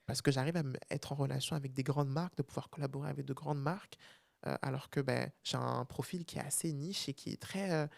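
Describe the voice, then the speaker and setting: A man's voice: medium pitch, fast, gravelly, no room sound, studio quality. A young man from France, a fashion content creator guest, talking casually in an interview, with lots of fillers and restarts. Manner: relaxed, many fillers and restarts.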